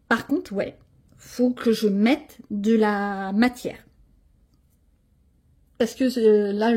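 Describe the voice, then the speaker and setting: A woman's voice: a little high, dark tone, slightly rough. A woman hosting a coloring channel, chatting casually and showing her pages, grumbling and poking fun at herself. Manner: chatty, grumbling and self-mocking.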